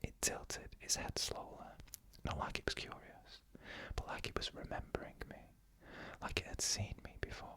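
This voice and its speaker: An ASMR narrator tells eerie first-person stories in a hushed, slow, suspenseful whisper that is almost entirely without voice. The whisper stays unvoiced throughout.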